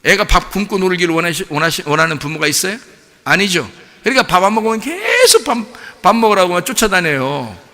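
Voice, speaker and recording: A male pastor preaching a sermon in a lively way, asking rhetorical questions and laughing along. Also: high voice, quick pace. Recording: long hall reverb.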